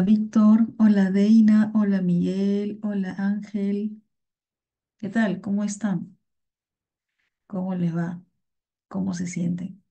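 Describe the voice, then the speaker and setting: A woman's voice: mid-range voice, mellow. A woman teaching an online class over a video call, patient and encouraging, often repeating her words.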